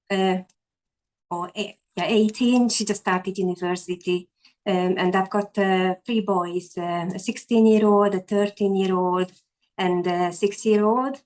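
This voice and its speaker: Over a video call with poor audio, a Hungarian-accented woman in her forties, an online entrepreneur, earnestly recounts her story as a guest in a casual interview chat. Her medium-pitched voice is a little mellow, and she often uses fillers and restarts her sentences.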